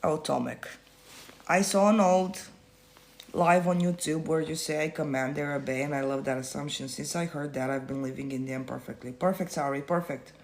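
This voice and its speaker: A manifestation coach answers viewer comments on a phone livestream, blunt and casual, swearing freely and repeating himself so his points land. His voice is fairly high with vocal fry, fairly even in intonation, at normal speed.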